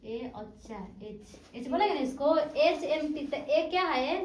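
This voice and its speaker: High-voiced woman teaching a class. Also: lively intonation, a little slow. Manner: quizzes students with repeated questions. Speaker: tutor. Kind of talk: classroom grammar lesson. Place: classroom with students. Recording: echoey room.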